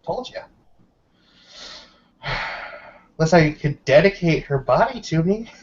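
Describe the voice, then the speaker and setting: Here a man with a fairly high, animated voice speaks slowly while taking part in a tabletop roleplaying game, swearing freely and chatting in a relaxed way. The recording is dull, lo-fi, and very noisy.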